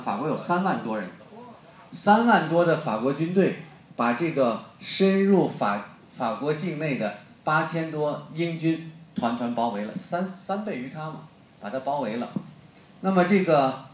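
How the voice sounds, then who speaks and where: Beijing guy preaching a story, jokes w the crowd, echoey room, faint background hum. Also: fairly high pitch. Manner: joking, quizzes the audience. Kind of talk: storytelling sermon.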